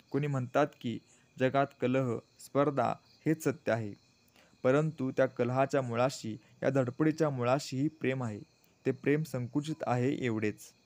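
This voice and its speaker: A man narrating a storybook audiobook in a steady storytelling manner, sometimes lifting his voice for quoted pleas. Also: mid-range voice, no room sound.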